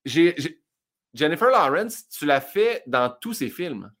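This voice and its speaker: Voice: mid-range voice, big pitch swings, unhurried, fairly bright tone. An interview host with a Québécois accent, asking questions in a playful, joking way and swearing casually.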